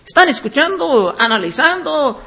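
A man preaching a verse-by-verse Bible teaching sermon, reading scripture aloud and then explaining it deliberately. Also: very high voice, big pitch swings, sharp tone.

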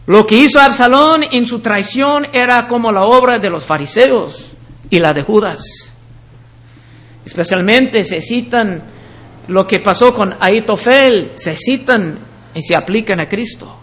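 High-voiced man preaching a sermon. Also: unhurried, fairly bright tone. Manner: reads scripture passages aloud, with slips and restarts. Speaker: pastor.

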